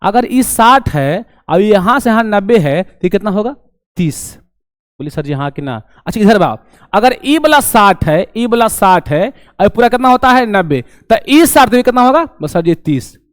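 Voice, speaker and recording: A young man teaching an online class, animated and acting out his students' questions. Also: high-pitched, moderate pace, no echo, clean studio sound.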